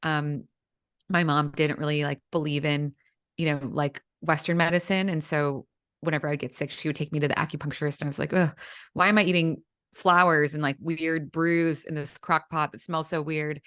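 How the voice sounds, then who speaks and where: Her voice sits low and stays steady at a normal speed, fairly bright, clear, and resonant. She's a woman in her thirties, first language Vietnamese, an executive coach guesting on a casual interview and chatting away with frequent fillers like "um" and "you know."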